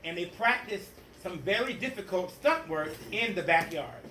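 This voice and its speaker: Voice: medium pitch, lively intonation, normal speed, sharp tone. A storybook reader doing a theatrical, emphatic read-aloud of a children's picture book. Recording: echoey room, distant mic, faint noise.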